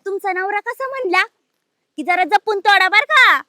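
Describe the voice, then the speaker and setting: An actress playing a quarrelsome sister-in-law, combative and mocking. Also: female voice, very high-pitched, lively intonation, moderate pace, bright, forceful tone, no echo, clean studio sound, exaggerated voice. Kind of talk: Marathi village drama acting.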